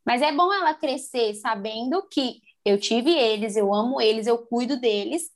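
A woman's voice: a little high, normal speed. A woman in her twenties from Brazil, chatting casually and candidly, often acting out what other people said. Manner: candid, animated, quotes others in lively voices. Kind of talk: casual chat.

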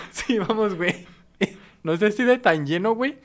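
A young man with a Mexican Spanish accent telling a story in casual podcast chat, animated and slangy, laughing as he goes. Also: high-pitched, moderate pace.

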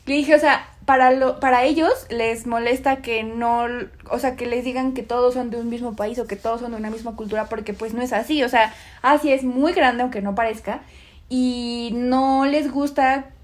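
A woman's voice: on the high side, fairly even intonation, moderate pace. A woman from Mexico with a Mexican accent in a casual chat, rambling with many fillers. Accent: Mexican Spanish.

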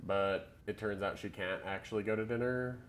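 A man's voice: on the low side, steady tone, moderate pace, over a noisy crowd. A man co-hosting a podcast, recapping a movie in loose, chatty talk with lots of laughter and fillers. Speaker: podcast co-host. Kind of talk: casual movie recap chat.

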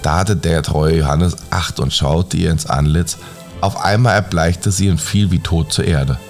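A man calmly reading a fairy tale aloud as a bedtime story, in a measured storytelling manner. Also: deep voice, soft background music.

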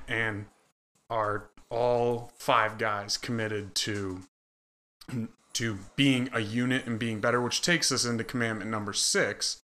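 A man's voice: mid-range voice, bright, forceful tone. A man from Michigan, a football line coach, co-hosting a casual podcast and explaining his coaching rules in an earnest, instructive way.

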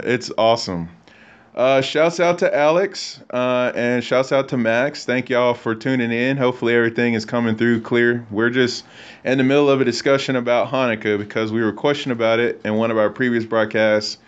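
A man's voice: medium pitch, clear, resonant tone. A man hosting a livestream, explaining religious texts in a casual teaching style. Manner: explanatory, reads and comments on texts. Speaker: host. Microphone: internet call/stream. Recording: lo-fi online stream audio.

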